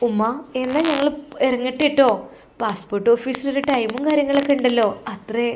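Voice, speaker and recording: A woman voicing a respectful young son-in-law. He speaks calmly and courteously. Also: high voice, fairly quick, a little hiss or hum.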